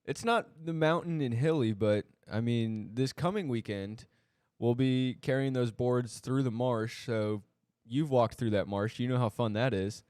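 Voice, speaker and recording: A man's voice: medium pitch, unhurried, clean tone, dry recording, studio quality. A man co-hosting a podcast, telling stories casually and acting out what people said. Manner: animated storyteller, acts out quotes. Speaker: podcast co-host. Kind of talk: casual storytelling.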